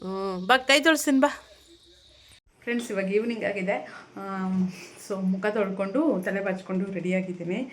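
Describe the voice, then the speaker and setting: A woman filming a casual home vlog, talking gently and coaxingly as a mother and chatting to her viewers. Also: medium pitch, fairly quick, a little hiss or hum. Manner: gentle, coaxing, soft-spoken. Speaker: vlogger and mother.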